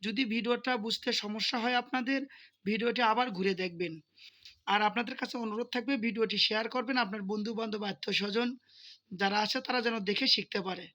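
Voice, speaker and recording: A man with a bright, forceful tone leads a step-by-step recitation lesson. He breaks each word into syllables and drills them slowly in a chant-like rhythm. Between the drills he explains patiently and repeats himself. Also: high-pitched, steady tone. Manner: patient, repetitive explaining with frequent appeals to share. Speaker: Quran recitation teacher.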